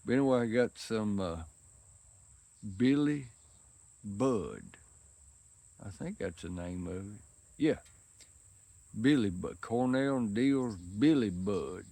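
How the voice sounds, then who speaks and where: Slow gravelly folksy man outdoors. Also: fairly low pitch, expressive, dark tone, no echo. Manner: folksy rural drawl, slow and rambling. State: worn out and sweaty from work. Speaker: pipe-smoking vlogger. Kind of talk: rambling casual chat. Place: outdoors on a windy day, insects heard.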